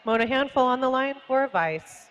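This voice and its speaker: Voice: high voice, expressive, normal speed, a bit bright, dull audio, a little hiss or hum. A roller derby commentator calling jams live in a chatty, casual way, with lots of fillers and easy laughter.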